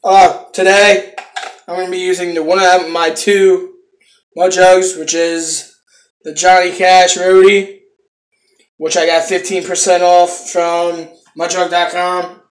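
A young man takes it slowly in a high, flat voice as he casually reviews a product from a small home room, often swearing in an easygoing manner. A phone camera captures him up close, and the sound is reverberant.

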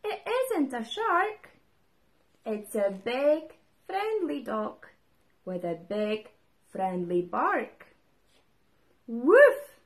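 A woman reading a picture book aloud to young children, lively and expressive, calling out the shouted lines. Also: on the high side, drawn-out words.

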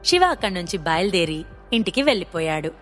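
A woman narrating a scripted audio story in a steady storytelling manner. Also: on the low side, a little fast, soft background music.

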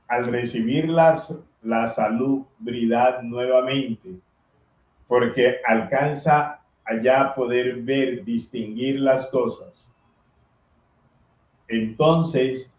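Man, priest, earnest homily, echoey room. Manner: slow, earnest preaching that acts out voices from the story in a high, loud shout. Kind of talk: gospel reading and homily. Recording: echoey, slightly dull recording.

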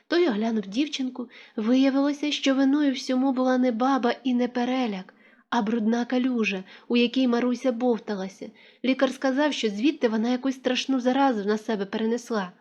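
A woman reading a children's story aloud in a gentle, expressive storytelling manner. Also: on the high side, highs cut off. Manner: gentle, expressive storytelling, slowing and softening for tender moments. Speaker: narrator.

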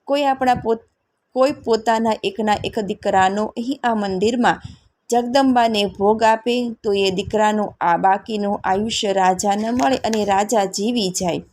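A woman voicing a grieving goddess of royal fortune in a storybook reading, speaking gravely. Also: medium pitch, unhurried, darkish tone, lightly acted. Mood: solemn.

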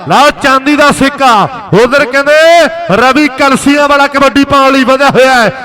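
A man with a Punjabi accent giving excited live kabaddi commentary, chanting names and cheers over and over. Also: very high-pitched, moderate pace. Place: outdoor kabaddi ground. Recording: crowd noise around the commentary.

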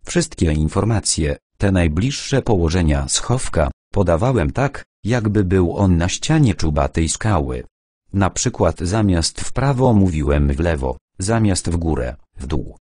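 A man reading an audiobook, voicing a fussy, excitable older gentleman who turns jovial. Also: low voice, unhurried, no room sound. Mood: cheerful. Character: nervous, cheerful older man, treasure seeker. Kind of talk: audiobook character voice.

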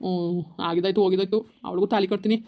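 A man's voice: sits high, little pitch movement, fast talker, dark tone. A man playing a sheepish village husband who pleads and placates. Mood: pleading.

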